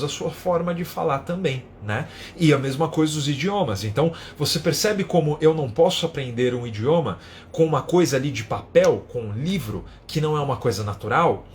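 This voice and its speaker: A man teaching in a live online lesson, explaining with everyday examples and often adding a quick tag question. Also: mid-range voice, a little hiss or hum. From São Paulo, Brazil. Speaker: English teacher.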